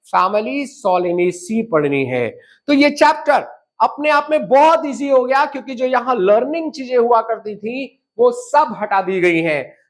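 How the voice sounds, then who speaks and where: A biology teacher walks students through syllabus changes at an unhurried, deliberate pace, in a voice of middling pitch. English terms slip into the talk, and points get hammered home by listing items and repeating them. Rhetorical questions are thrown straight at the class. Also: lively intonation. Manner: mixes English terms into Hindi; addresses students directly with quiz questions. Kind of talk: exam-prep syllabus lesson.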